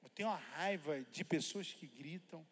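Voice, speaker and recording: A man's voice: a little high, moderate pace, a bit bright, slightly rough. A man preaching as pastor at a church service, reading scripture emphatically and telling chatty stories to the congregation. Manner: chatty storytelling with asides to the congregation. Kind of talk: sermon. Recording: reverberant church hall.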